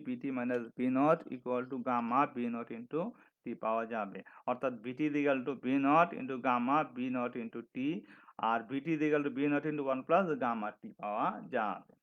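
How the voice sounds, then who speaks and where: A man from Bangladesh gives a recorded physics lesson in a mid-range voice, spelling out each formula slowly and correcting himself as he goes. The audio is a little muffled and lo-fi. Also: mid-range voice, smooth. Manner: methodical, dictating formulas step by step, restarts and self-corrections. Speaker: physics instructor. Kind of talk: recorded classroom lecture. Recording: slightly dull lo-fi audio.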